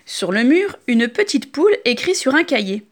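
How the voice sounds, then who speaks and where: A woman reading a children's picture book aloud in an expressive, sing-song way. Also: high voice, normal speed. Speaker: storyteller.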